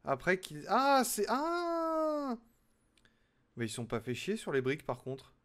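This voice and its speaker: A man's voice: a little high, big pitch swings, moderate pace, a bit bright. A young man chatting casually with his live-stream audience as he builds, chatty and self-mocking. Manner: chatty, self-mocking, talks to chat while working.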